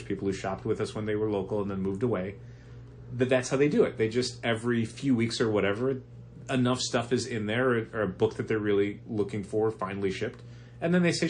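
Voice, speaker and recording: Low-voiced man explaining, allergy-stuffed. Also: a little mellow, slight background noise. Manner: explains at length with frequent restarts. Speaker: comic shop podcast co-host. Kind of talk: casual chat.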